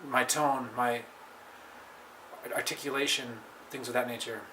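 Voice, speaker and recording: An American man giving a casual, halting spoken lesson on a phrase he is learning, with frequent restarts and slow repetitions of practice phrases. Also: mid-range voice, fairly even intonation. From United States. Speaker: language learner vlogger. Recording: echoey room, faint ambient noise.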